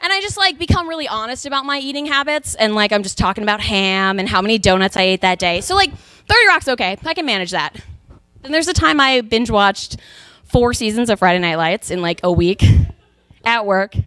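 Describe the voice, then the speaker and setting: A young woman from Texas performs a stand-up set with lively storytelling and quick character voices. Her voice sits a little high and sounds smooth and clear. The mic is close, with a dry sound and no room echo. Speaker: stand-up comedian. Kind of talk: stand-up routine.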